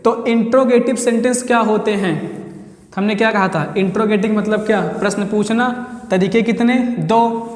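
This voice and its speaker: A man's voice: sits high, steady tone, moderate pace. A male teacher giving a grammar lesson in a classroom, asking questions and answering them himself while repeating key words. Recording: echoey room with long reverb.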